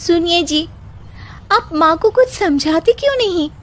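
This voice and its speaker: Woman playing a high-pitched, spirited young daughter-in-law. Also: expressive, unhurried. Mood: complaining. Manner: emphatic, recites mocking rhymes.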